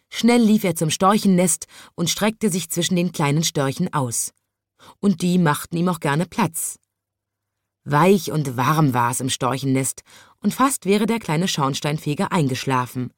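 A woman reads a children's story aloud in a gentle, even way. Her voice sits fairly low for a woman and is recorded close and dry, with no room sound. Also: no room sound.

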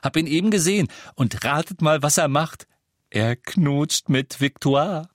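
A man voicing an excited, breathless schoolboy who blurts out gossip. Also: mid-range voice, moderate pace, dry recording, studio quality, pitched above the performer's own voice, natural voice. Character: excited boy James, loud, breathless, boastful.

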